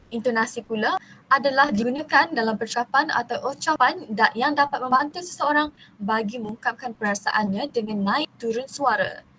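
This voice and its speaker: A young woman from Malaysia reads a university class presentation in a fairly high voice. She keeps a steady, careful pace but trips over long technical words and starts them again. A faint hiss sits under the recording. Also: moderate pace, rough recording. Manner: reads steadily, stumbling and restarting on long terms.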